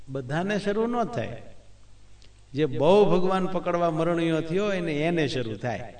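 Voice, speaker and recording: A man's voice: medium pitch, darkish tone. A man giving a devotional discourse in a conversational way, often checking with listeners whether they understand. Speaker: religious speaker. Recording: echoey room, far from mic.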